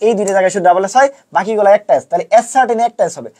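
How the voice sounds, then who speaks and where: A young man giving an online lesson, casual and teasing, often chanting memory rhymes slowly in a sing-song way. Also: high voice, darkish tone. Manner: chanting mnemonics; colloquial teasing. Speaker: teacher.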